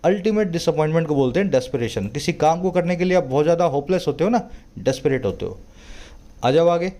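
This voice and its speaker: A male tutor with a mellow, fairly high voice, explaining English vocabulary in Hindi. He reads English lines out very slowly. Then he breaks them down in a chatty teaching way, often asking the viewer rhetorical questions. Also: lively intonation. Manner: explains word by word, slows sharply to read English passages. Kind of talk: Hindi-language English lesson reading a newspaper editorial.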